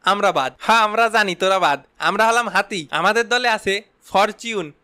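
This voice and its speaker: Man, high bright voice, fast bickering sketch banter. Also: clear, resonant tone. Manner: rapid, quarrelsome comic banter with punning name jokes. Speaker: comedy sketch performer. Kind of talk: comic sketch, switching between bickering characters.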